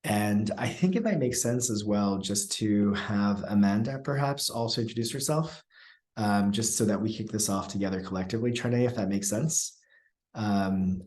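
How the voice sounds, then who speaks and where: A man facilitating an online session, speaking in a relaxed way with many fillers and pauses over a video call. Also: fairly low pitch. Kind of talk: online webinar talk.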